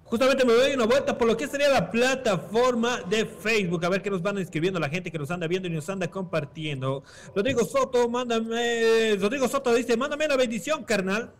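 A man's voice: very high voice, fairly quick. A man from Bolivia, co-casting esports and reading out chat comments with frequent laughs. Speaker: esports caster.

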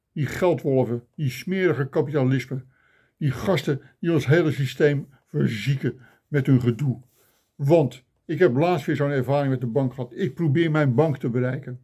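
A fairly high, mellow voice with a breathy edge belongs to an older vlogger ranting comically into his phone. He piles up grumbling complaints with mock indignation.

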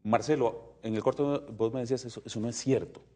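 A man's voice: medium pitch, steady tone, brisk, mellow. A man hosting a TV talk show, addressing his guests directly and steering the panel conversation. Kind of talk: moderating a studio panel.

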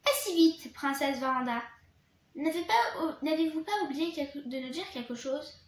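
A woman's voice: high voice, lively intonation, moderate pace, a little hiss or hum. A woman voicing a stern, harsh female school supervisor who scolds students, read aloud from a storybook in an echoey room. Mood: accusing.

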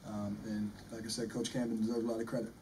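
A man in his forties, a head basketball coach, answering postgame press questions in a measured way and often repeating words while he thinks. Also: lowish voice, level tone, mellow. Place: press room in front of a sponsor backdrop. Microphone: table microphone, recorded from the room. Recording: distant room mic with faint noise.

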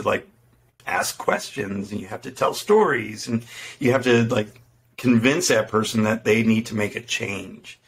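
Speaking into a front-facing studio mic in a windowed room at home, this middle-aged podcast guest recounts how he built his fitness business. He's casual, earnest and self-deprecating and keeps restarting his sentences. His mid-range voice carries vocal fry and a slight brightness, with a little background noise audible.

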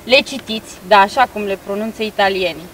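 A woman interviewer asking quick questions and giving brisk instructions. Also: mid-range voice, fairly bright tone, slight background noise, poor audio.

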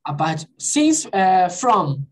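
A woman's voice: fairly low pitch, big pitch swings, slow. A Brazilian woman teaching an online English class, switching between Portuguese and English and checking understanding with frequent "alright?" and "ok?".

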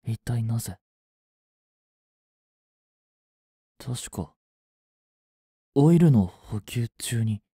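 A man plays a devoted, courteous android servant in the grip of feverish love for a Japanese romantic audio drama, delivering formal lines in breathy, halting bursts. His medium-pitched, animated voice carries a dark tone in a full character performance, sounding dazed yet polite. The clean studio sound has no echo.

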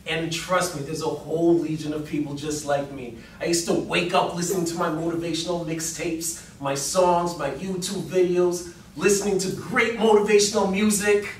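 Guy giving a speech to a crowd, fairly high voice, dramatic storytelling, picked up from across an echoey room. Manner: animated, dramatic storytelling with emphatic rises. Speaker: public speaker. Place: meeting room before an audience. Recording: roomy hall sound from a distant mic with faint noise.

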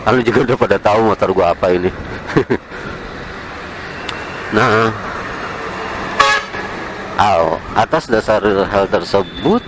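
A man chatting casually while riding a motorcycle, with relaxed slang and small chuckles, recorded on a helmet camera. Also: on the low side, slow, pauses often. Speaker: motovlogger. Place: on a motorcycle in night city traffic. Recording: faint traffic noise outdoors.

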